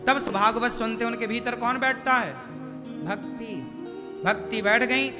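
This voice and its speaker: A man preaches a devotional story in a very high voice, breaking into chanted verses and then explaining them. His voice rings through a live hall with long reverb, and music plays behind him. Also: unhurried.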